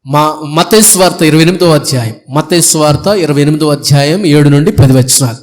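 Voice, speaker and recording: Casting male pastor, high voice, fervent Easter sermon, drills rhetorical questions at the congregation. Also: brisk. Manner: emphatic, rhetorical questions and repeated lists. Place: church before a congregation.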